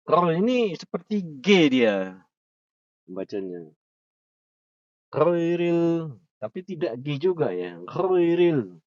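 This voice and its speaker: A man teaching recitation, slowly repeating sounds and patiently correcting pronunciation. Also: fairly high pitch, very animated, no echo. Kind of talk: pronunciation lesson. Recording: muffled, distant from the mic, dry.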